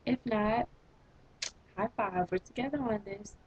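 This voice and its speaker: A teenage girl in eleventh grade ranting in a casual vlog, sarcastic and exasperated, with a slightly husky voice. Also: mid-range voice, a little slow, dull audio, a little hiss or hum. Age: teens. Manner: exasperated, sarcastic, animated complaining. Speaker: vlogger.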